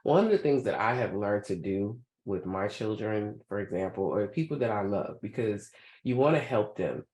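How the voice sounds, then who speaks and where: A woman's voice: a bass voice, expressive, normal speed, a little mellow. Woman co-hosting in an echoey room. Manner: conversational, loose with many fillers. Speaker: podcast co-host. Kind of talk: casual advice podcast chat.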